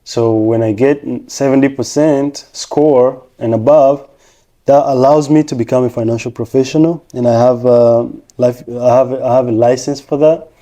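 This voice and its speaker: A technician and financial professional from Rwanda answers casually in an interview, his dark mid-range voice fairly even in intonation and moderate in pace. He is patient and explanatory, covering points one by one.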